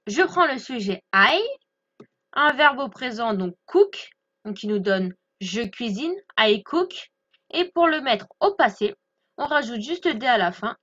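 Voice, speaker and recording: A woman giving an English grammar lesson, explaining clearly and patiently and checking in with her listeners. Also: fairly high pitch, sharp tone, lo-fi sound. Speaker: English teacher. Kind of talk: French-language English lesson.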